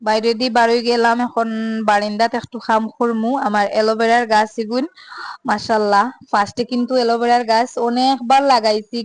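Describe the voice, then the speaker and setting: A young woman with a Sylheti accent, chatting casually through her home vlog and filling pauses with little hesitation sounds. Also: a little high, dry recording. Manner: chatty, mixes Sylheti and standard Bengali, many filler sounds. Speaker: home vlogger.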